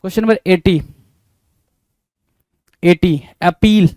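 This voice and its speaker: Speaking slowly in a high, slightly mellow voice with no echo, this man goes through English words one letter at a time while explaining in Hindi. He repeats his questions to the listener again and again, frequently adding "bhai."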